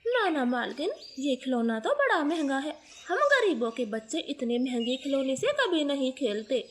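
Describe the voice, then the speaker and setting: A woman's voice: sits high, big pitch swings, normal speed, slight background noise. Lady voicing a poor humble crow maid, polite, cartoon story. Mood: earnest. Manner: humble, deferential.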